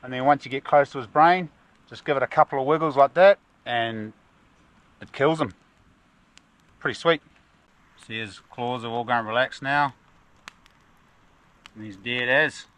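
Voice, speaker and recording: A New Zealand man with a broad Kiwi accent vlogs an outdoor adventure, talking in a laid-back, slangy way. His voice is medium-pitched and fairly bright, a little slow, with long pauses, and the outdoor recording is noisy with ambient sound.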